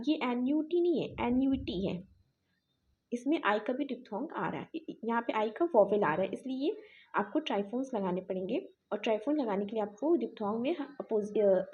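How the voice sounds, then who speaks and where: A woman's voice: a little high, a little mellow, lo-fi sound. A woman teaching a shorthand class, spelling words out letter by letter and checking in often with her students. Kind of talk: online class explanation.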